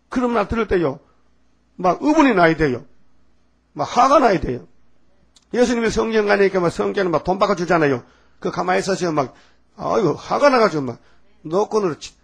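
Male pastor, fiery scolding sermon, raised pitch, gravelly edge. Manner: rough-edged, scolding, rhetorical questions to the congregation.

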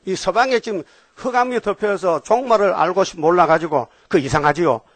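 A male pastor with a Gyeongsang accent preaches in an animated style and keeps throwing questions at his listeners. His voice sits a little high for a man. The recording is close and dry, with almost no room sound. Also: fairly quick, dry recording. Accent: Gyeongsang Korean. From Gyeongsang region, Korea. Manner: animated, questions the congregation, jumps between topics. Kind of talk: sermon.

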